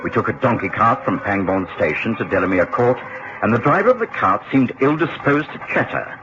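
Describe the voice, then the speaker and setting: An actor playing a genial, earnest middle-aged gentleman doctor with a Received Pronunciation accent, telling his adventures in a radio drama in a measured, expressive way. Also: lowish voice, close to an everyday voice. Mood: grave storytelling. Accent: British Received Pronunciation. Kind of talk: radio drama narration and dialogue. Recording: dull, faintly noisy old radio recording.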